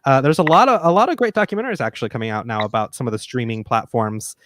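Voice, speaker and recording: A man's voice: mid-range voice, very fast, a little hiss or hum. A man hosting a live stream party, telling stories and reading sponsor ads with playful energy. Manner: animated storyteller, reads sponsor ads playfully. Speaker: host.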